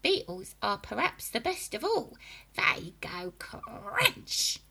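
A wicked old grandma hag for a storybook: husky, throaty whisper, slow, relishing menace. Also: female voice, huge pitch swings, sharp tone, heavily acted. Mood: gloating. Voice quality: high, creaky, whispery and throaty. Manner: slow, gloating, relishing each word.

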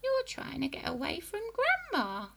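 A woman voicing a nasty old grandmother, a menacing witchlike hag with a high, creaky, whispery and throaty voice, who talks slowly and gloats over every word. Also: wildly swooping pitch, pushed and bright, heavily acted. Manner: slow, gloating, relishing each word.

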